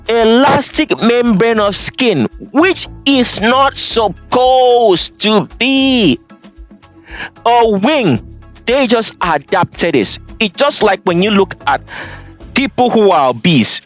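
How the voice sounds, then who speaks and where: A speaker with an African accent delivering an insistent preaching monologue, stressing words hard and dropping to low asides. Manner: emphatic, insistent, swings between loud and low. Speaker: channel host. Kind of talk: preaching monologue over slides.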